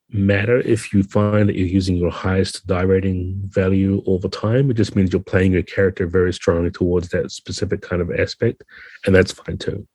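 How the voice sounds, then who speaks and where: This man, a game designer appearing as a podcast guest, has a husky, low, mellow voice. He talks through topics in a reflective, chatty way, captured in a dry, close-miked recording.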